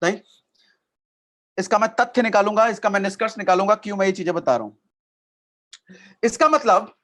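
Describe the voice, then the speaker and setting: Brief: high-pitched male trainer on a video call, lively coaching, keeps asking the chat to reply. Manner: energetic, repetitive coaching, asks the chat for replies. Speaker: network marketing trainer. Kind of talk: live online training session.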